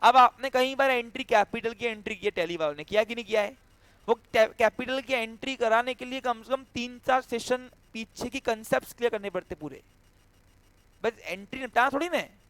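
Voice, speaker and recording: High-voiced man teaching accounts in class. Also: a little fast, fairly bright tone, clear, resonant tone, no room sound. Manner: explains step by step, keeps checking students understand; acts out a cash handover with a student. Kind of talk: classroom lecture.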